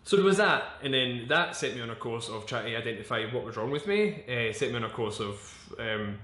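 A young man talks straight to the camera in a confessional vlog, restarting sentences as he searches for the right words. His voice sits at an ordinary middle pitch, and he swears bluntly. The room around him echoes noticeably. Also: lively intonation, brisk, bright, forceful tone. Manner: frank and swearing. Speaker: vlogger. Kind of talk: candid personal vlog monologue.

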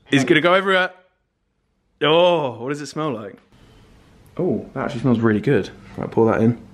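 A man's voice: fairly high pitch, fairly bright tone. A young man from England hosting a casual vlog at home, teasing and jokey as he talks to a handheld camera. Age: young adult. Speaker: vlogger host. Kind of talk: casual chat. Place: apartment living room indoors.

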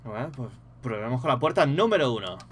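A man's voice: medium pitch, animated, a little fast, fairly bright tone, slight background noise. A young man with a Spain Spanish accent giving casual, profanity-laced commentary while playing a horror game, yelping when startled. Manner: swears freely, yelps when startled. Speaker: gaming streamer.

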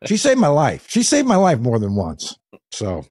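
A man's voice: mid-range voice, wildly swooping pitch, normal speed, darkish tone, slightly rough. A man in his sixties co-hosting a casual podcast from his home workshop over a video call, joking and laughing often. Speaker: podcast co-host. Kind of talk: casual chat. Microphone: headphones and studio mic on video call.

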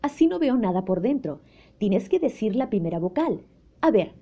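A woman's voice: mid-range voice, big pitch swings, normal speed, mellow, highs cut off. A woman voicing an older, patient male children's dentist in a storybook, speaking kindly and instructively.

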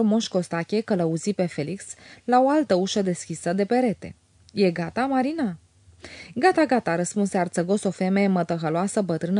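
Woman reading a novel aloud, warm mellow voice, dry close sound. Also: medium pitch, no room sound. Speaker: narrator. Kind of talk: audiobook narration of a classic novel.

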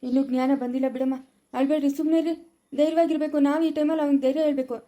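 A woman's voice: sits high, fairly even intonation, very fast, mellow, lightly acted. A woman playing a worried father who consoles his wife and scolds his daughter in an amateur family drama. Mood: stern.

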